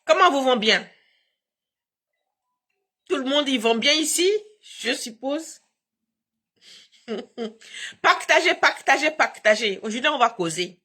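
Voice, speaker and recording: A woman's voice: sits high, expressive, slow pace, long pauses, sharp tone. A woman hosting a casual live stream from home on her phone, talking in a combative, emphatic way with frequent laughs.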